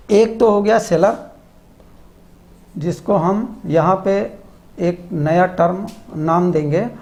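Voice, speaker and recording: Guy teaching commerce, gravelly voice, keeps repeating terms and asking questions. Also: high voice, a little mellow. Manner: slow, repeats key terms and quizzes the listener. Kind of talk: classroom lecture.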